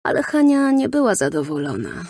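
A woman narrating a children's storybook in a lively storytelling manner, recorded close in a studio. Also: mid-range voice, fairly quick, slightly rough, no room sound. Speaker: audiobook narrator.

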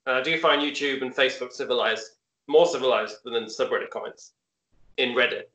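A man's voice: mid-range voice, brisk, sharp tone. A man with a Northern English accent from Hull, hosting a casual conversation in a rambling, hesitant way and laughing at himself. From Hull, North of England. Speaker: host. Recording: roomy echoey recording.

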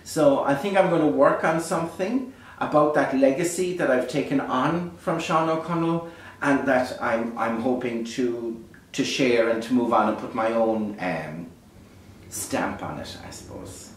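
An Irish man speaks in a lilting storyteller's way, casual and reflective. His mid-pitched voice rings in a very echoey space, picked up from a distance over faint noise. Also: unhurried. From Ireland. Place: beside a small fire in a dark stone hearth. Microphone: distant camera microphone.

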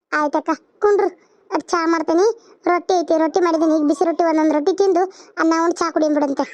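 A woman's voice: very high-pitched, darkish tone, dry recording. A woman with a North Karnataka Kannada accent, voicing several village women in a cartoon serial with rustic, chatty dialogue. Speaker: narrator voicing all characters.

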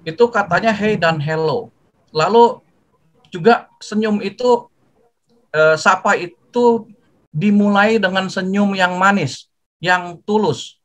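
An older man giving a lively, jokey talk to students, acting out greetings as he goes. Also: high-pitched, takes it slowly, pauses often, rough recording. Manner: jokey, animated, acts out greetings. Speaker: guest speaker.

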